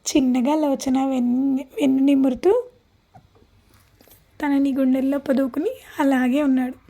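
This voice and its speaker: A woman narrates a romance audiobook with a high, mellow voice. She reads gently and unhurriedly. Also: little pitch movement, normal speed, creaky. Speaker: storyteller. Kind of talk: read-aloud romance narration.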